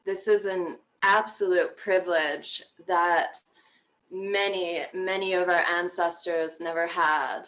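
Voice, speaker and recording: A young woman from Canada speaks from her home, leading an online workshop talk. Her voice sits a little low, and she talks in a gentle, flowing way, with soft laughs and easy fillers. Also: fairly even intonation, slow, low-quality recording. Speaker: tantra workshop teacher.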